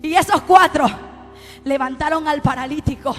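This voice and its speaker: A woman preacher delivering a live sermon with passion, rising to shouts and calling out to the congregation. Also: high voice, moderate pace. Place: church sanctuary. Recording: live church recording with long reverb and faint music.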